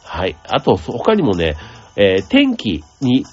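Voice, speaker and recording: A man hosting a radio show, explaining things in a gentle, chatty way with many asides and fillers. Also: on the low side, wildly swooping pitch, takes it slowly, slightly rough, highs cut off. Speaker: radio host. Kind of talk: casual explanatory radio talk.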